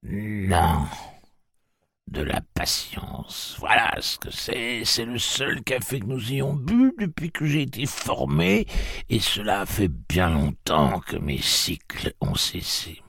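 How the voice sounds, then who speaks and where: Guy doing blunt old lady, loud and firm, gravelly. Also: lowish voice, expressive, takes it slowly, no room sound, clean studio sound, pitched above the performer's own voice, exaggerated voice. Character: old woman, blunt and weary elder.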